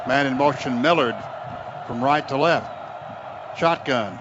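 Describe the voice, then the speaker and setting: An American man calls Oklahoma college football on live radio from an outdoor stadium, with a crowd audible behind him. At a medium pitch, he takes things slowly, describing plays in clipped phrases and raising his voice excitedly as the action builds. The broadcast is dull and noisy.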